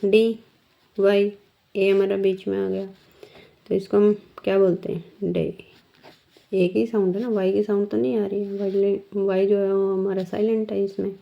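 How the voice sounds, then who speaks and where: A woman with a medium-pitched, creaky voice patiently explains shorthand to her class step by step. Her pace is slow, and she often stops to ask the students questions. The sound quality is dull and lo-fi.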